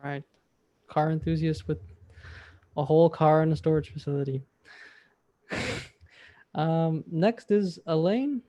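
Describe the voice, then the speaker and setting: This is a man with a voice a little higher than most, hosting a relaxed meeting over a video call. He calls on people one by one and adds friendly teasing remarks. There's some faint clicking behind him. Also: takes it slowly, pauses often. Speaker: meeting host. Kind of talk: casual meeting introductions.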